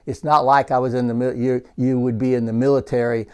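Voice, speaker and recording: A man's voice: medium pitch, little pitch movement, brisk, smooth. A man, an associate pastor, teaching church leaders about volunteers in a conversational way, repeating points for emphasis.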